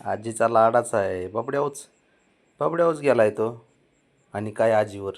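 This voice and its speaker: A man's voice: on the low side, a little slow. An older man, the grandfather, coaxing and babying the family cat in a casual home video.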